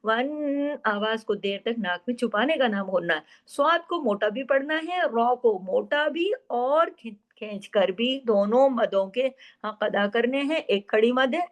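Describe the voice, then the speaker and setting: A woman teaching Quran recitation rules, explaining patiently, asking and answering her own questions, and stretching words slowly to demonstrate. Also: fairly high pitch, animated. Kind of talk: tajweed lesson with slow demonstrations.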